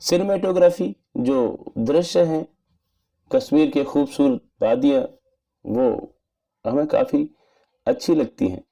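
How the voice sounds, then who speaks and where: A man giving an earnest, measured spoken movie review in formal wording. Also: a little high, big pitch swings, warm tone. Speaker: film reviewer.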